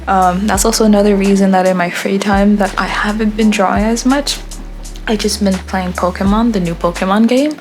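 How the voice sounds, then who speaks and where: A young woman talks through a drawing session in a loose, rambling way, full of ums and asides. Her voice sits at an ordinary pitch for a woman, and faint music plays softly behind her. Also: a little fast. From born in Haiti, grew up in Florida. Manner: rambling, relaxed, frequent ums. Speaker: artist vlogger. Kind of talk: casual voice-over chat while drawing.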